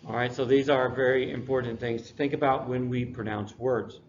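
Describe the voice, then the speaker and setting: A man teaching English and reviewing a textbook unit in a relaxed way, with dry classroom humor. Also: mid-range voice, normal speed. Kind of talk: recorded lesson review. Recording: dull lo-fi recording, faint noise.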